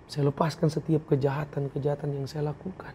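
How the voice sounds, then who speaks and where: A man with a fairly high voice speaks a little quickly in a flat, warm tone, with slight hiss or hum on the recording. He's an interview guest sharing an earnest, emotional personal testimony, acting out other people's words as he recounts them.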